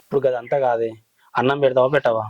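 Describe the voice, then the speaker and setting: A man's voice: mid-range voice, flat delivery, fast, no echo, dull audio, natural voice. A man, playing a hungry, henpecked village husband complaining to his wives. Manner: whining, complaining.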